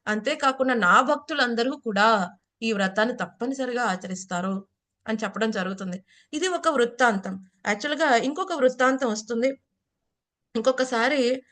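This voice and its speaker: A woman's voice: fairly high pitch, a bit bright. A woman with a Telugu accent giving a devotional talk, telling scripture stories with voiced dialogue and questions to the listeners. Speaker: religious speaker.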